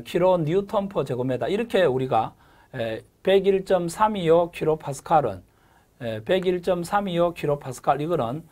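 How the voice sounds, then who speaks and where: Middle-aged male lecturer, slightly high voice, repeats terms, frequent "에" fillers and "그죠?" check-ins. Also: a little mellow. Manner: repeats key terms, checks in with "그죠?" after each point; fills pauses with drawn-out "에". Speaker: lecturer for a gas engineering exam course. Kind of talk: recorded online lecture.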